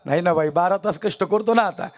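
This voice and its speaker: A man voicing an aging poor farmer father who is loving and emotional, in a gentle, choked storyteller's voice. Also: sits high, fairly quick, voice pushed down, lightly acted.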